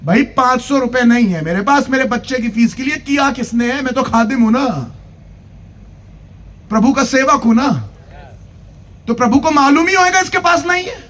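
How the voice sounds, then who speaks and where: A man's voice: extremely high pitch, moderate pace, pauses often, fairly bright tone. A man preaching at a church convention, telling a humorous personal story, acting out the dialogue and urging the congregation to clap. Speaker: pastor. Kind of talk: sermon.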